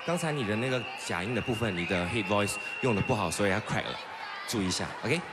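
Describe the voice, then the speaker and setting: A man's voice: on the low side, expressive, fast talker. A man judging a singing contest, praising the singers then giving pointed vocal notes. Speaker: judge. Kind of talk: judge's critique on a talent show. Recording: loud background noise.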